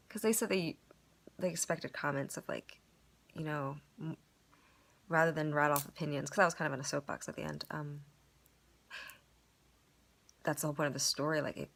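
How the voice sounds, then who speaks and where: A woman's voice: deep voice, creaky. A woman musing aloud in a casual, rambling monologue, reflecting on a storytelling performance and full of "like" and "you know".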